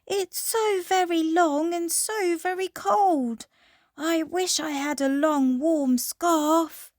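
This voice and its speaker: A woman's voice: very high-pitched, fairly even intonation, takes it slowly, no echo, clean studio sound, pitched above the performer's own voice. A woman voicing a sad, plaintive giraffe in a children's storybook. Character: sad, cold long-necked giraffe, plaintive.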